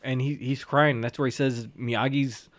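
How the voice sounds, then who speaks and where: A man co-hosting a casual movie podcast, animatedly retelling scenes and agreeing quickly. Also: mid-range voice, fairly even intonation, dry recording. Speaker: podcast co-host. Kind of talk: casual movie-review chat.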